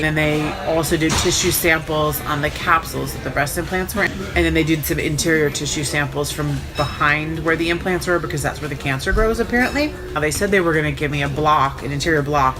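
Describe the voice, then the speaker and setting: Woman, low pitch, casual personal storytelling, dry sarcasm, sore post-surgery state, clear background music. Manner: frank, wry, sarcastic. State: sore and recovering a day after surgery. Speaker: vlogger recounting own surgery.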